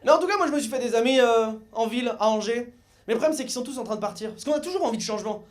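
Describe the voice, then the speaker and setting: A young man from Mayenne doing lively stand-up comedy on a club stage, joking and acting out the people in his stories. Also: extremely high pitch, very fast. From Mayenne, France. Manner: lively, joking, acts out voices of others. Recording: live club recording with audience laughter.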